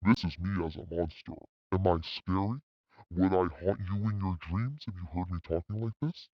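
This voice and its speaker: A hulking monster voice growls out, impossibly low and bone-dry, with the digital sheen of a pitch-lowering voice changer, as a woman puts it on. It teases and tests itself with playful questions. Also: normal speed, dry recording, dull audio. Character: deep-voiced man, monster and elder.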